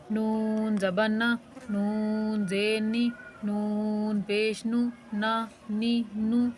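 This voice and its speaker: A woman with a Pakistani Urdu accent teaching Quran reading. She chants syllables slowly, then explains the rules quickly. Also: mid-range voice, a little hiss or hum. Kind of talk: recitation lesson.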